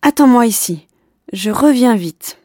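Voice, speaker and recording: A woman voicing a kind young girl who plants magic seeds, speaking brightly and eagerly. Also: fairly high pitch, expressive, unhurried, no room sound, studio quality. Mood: gentle.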